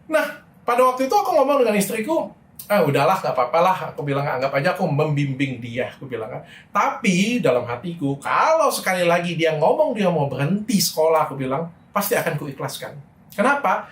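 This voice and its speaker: A middle-aged man telling his side of a story in a casual monologue, animated and frustrated. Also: echoey room. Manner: animated, frustrated, shifts pitch when quoting people.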